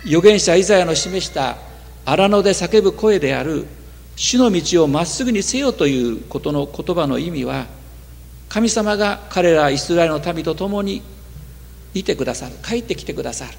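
A man preaching a sermon in a measured way, his voice dropping low at the ends of phrases. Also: lively intonation, creaky. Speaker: pastor. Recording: long hall reverb.

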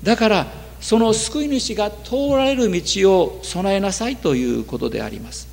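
A man preaching a sermon in a measured way, his voice dropping low at the ends of phrases. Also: animated, creaky, a little mellow. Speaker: pastor. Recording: long hall reverb.

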